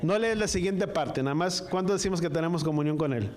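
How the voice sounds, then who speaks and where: Guy preaching a sermon, kinda high voice, reads verses slow and gets the church to repeat after him. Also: darkish tone. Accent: Spanish-speaking, from the US-Mexico border. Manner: call-and-response, asks the congregation to repeat after him; reads scripture slowly, line by line. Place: church service, also streamed online.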